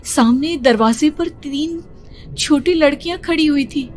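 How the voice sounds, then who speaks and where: A woman's voice: sits high, measured pace, darkish tone, soft background music. A woman telling a first-person horror story for a cartoon, tense and fearful, breaking into screams. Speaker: narrator.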